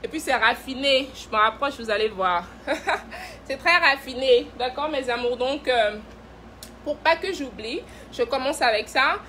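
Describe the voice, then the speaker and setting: A high, bright-voiced woman chatting on a live stream to sell her cosmetics line. She teases her viewers playfully, laughs often and greets them by name. A faint hum of room sound sits behind her. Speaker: cosmetics brand director hosting a live stream. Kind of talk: casual live-stream selling chat.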